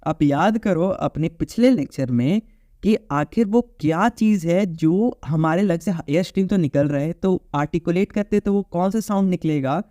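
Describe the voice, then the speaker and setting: A man's voice: high voice, normal speed, mellow, no room sound, studio quality. A man teaching an online phonetics lecture in Hindi mixed with phrases, explaining patiently and asking the class questions. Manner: mixes English phrases into Hindi.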